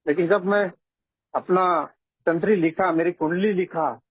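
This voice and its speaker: A man tells his recovery story in an earnest, conversational way, often turning to the listeners as friends. His voice sits high and a little husky. The sound is dry and tinny, like a phone call. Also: measured pace, no room sound. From India. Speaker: AA member sharing his story. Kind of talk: personal recovery testimony. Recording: tinny phone-line audio.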